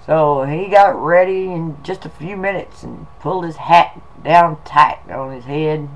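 A man talking casually to viewers and telling a folksy story in an unhurried, drawling way. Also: on the high side, rough recording. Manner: folksy, slow, drawling delivery with y'all and 'em. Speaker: video blogger.

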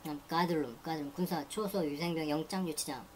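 A low-pitched woman reads English vocabulary entries as a teacher, saying each word twice before running through its meanings. The pace is brisk and list-like. A faint hiss of noise sits under the voice. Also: a little mellow. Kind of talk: reading dictionary entries aloud.

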